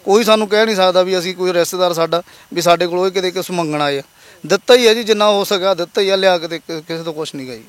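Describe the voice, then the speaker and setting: A man's voice: sits high, fast talker, dry recording. A man from Punjab, a laborer and father, telling his story in an interview in an earnest, polite and emotional way.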